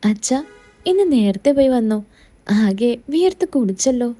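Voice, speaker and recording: A caring young daughter-in-law, affectionate and soothing, as a woman voices her in a told story. Her voice sits fairly high and mellow, coaxing and reassuring. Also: lively intonation, a little slow. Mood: chatty.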